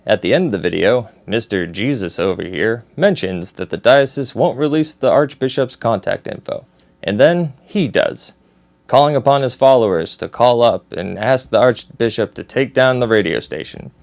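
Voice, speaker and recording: A man's voice: medium pitch, lively intonation, normal speed, gravelly. Dry, mock-serious news anchor man. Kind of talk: scripted satirical news.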